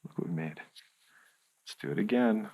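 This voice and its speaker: Playful low-voiced man demonstrating a craft. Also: moderate pace, a little mellow, slightly rough. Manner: playful, chatty, talks to the viewer while working. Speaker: crafts tutorial host.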